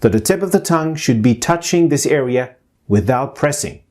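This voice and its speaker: Man teaching pronunciation slowly, with a mellow voice. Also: medium pitch, lively intonation. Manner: slow, clear, deliberate pronunciation demonstration. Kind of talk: instructional pronunciation lesson.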